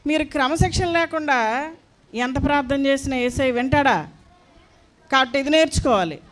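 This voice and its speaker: A woman's voice: high voice, moderate pace. A woman teaching a class of young children at a church school, firm and coaxing, repeating her commands.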